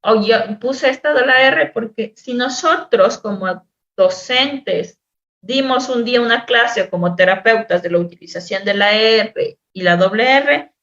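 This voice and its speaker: A woman's voice: on the high side, a bit bright. Woman teacher explaining in an echoey room. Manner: explanatory, repeats words, exaggerates sounds slowly as examples. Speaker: teacher-therapist. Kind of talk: lecture on spelling intervention. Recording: echoey room, dull lo-fi sound.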